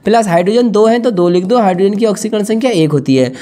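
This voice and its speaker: Mellow-voiced male teacher, chatty exam lesson. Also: high-pitched, quick pace. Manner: conversational, asks and answers his own questions; calls listeners "bhaiya".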